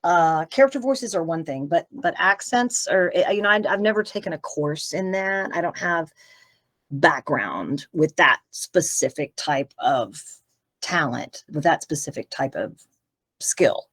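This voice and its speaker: A woman's voice: deep voice, expressive, a little slow, a bit bright. A middle-aged woman from Tennessee, a voice actress as guest, talking in a rambling, open, chatty way during a casual interview. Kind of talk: casual interview over a video call.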